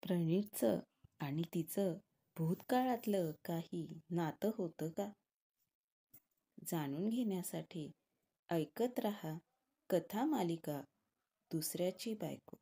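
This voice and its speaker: Slow, mellow woman storyteller. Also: on the low side, animated, slightly rough. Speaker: narrator. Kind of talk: serialized audio story narration.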